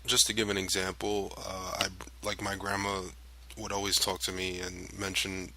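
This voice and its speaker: A man's voice: sits low, monotone, normal speed, sharp tone, slight background noise, low-quality recording. A man co-hosting a podcast in laid-back, hesitant casual chat. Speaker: podcast co-host.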